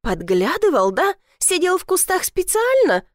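Lady reading a shrill brash young girl, yelling mad, high and loud, dry close sound. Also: huge pitch swings, measured pace, no echo, full character voice. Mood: outraged. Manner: shrieking, outraged outbursts. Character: indignant shrill young woman, brash and quick-tempered. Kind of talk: audiobook character voice.

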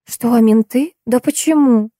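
A woman doing a jittery young actress, high and whiny, in an audiobook. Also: lively intonation, moderate pace, dark tone, dry recording, studio quality. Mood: flippant. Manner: whiny, fluttery, mumbling. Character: flighty, frightened young actress on the run.

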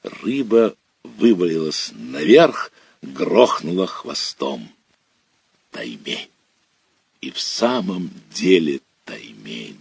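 A man reading a story aloud in dramatic narration, with lively storytelling and sudden loud outbursts. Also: sits low, slow pace, creaky, pauses often, slightly rough, no room sound. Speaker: audiobook reader. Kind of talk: expressive literary narration.

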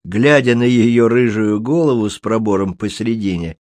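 A man reading a storybook aloud in an even, measured way. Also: on the low side, no room sound. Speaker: audiobook narrator. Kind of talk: scripted storybook narration.

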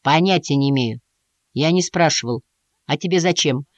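Woman doing a naive kind kitten, soft, puzzled, storybook, dry sound. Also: low voice, normal speed, no echo, dull audio. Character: gentle naive young male kitten.

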